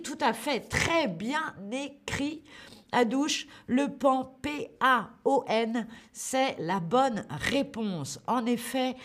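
A woman hosting a livestream lesson for French learners, speaking slowly and clearly and greeting viewers by name. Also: on the high side. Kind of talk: live online language lesson.

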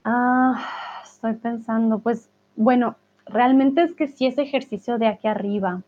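A woman teaching Spanish in a live class, answering viewer chat and laughing often. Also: on the high side. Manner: laughs often, speaks slowly and clearly. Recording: tinny phone-like sound.

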